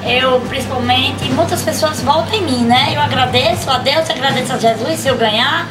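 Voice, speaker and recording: A woman's voice: high-pitched, moderate pace, loud music behind the voice. A woman guest on a live TV talk show, talking in a rambling, playful, joking way. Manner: rambling, playful, claims to be from another planet. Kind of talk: comic live TV interview.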